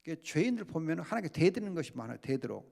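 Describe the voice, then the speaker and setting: A man preaching at a Bible study as pastor, lively, acting out quoted complaints and prayers. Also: on the high side, fast talker, gravelly.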